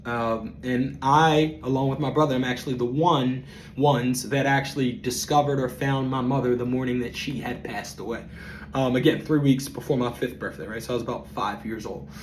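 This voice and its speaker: A man in his thirties hosting a podcast, telling a personal story in a reflective, halting way with frequent ums. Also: mid-range voice, fairly even intonation, slight background noise, poor audio. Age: 30s. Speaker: podcast host.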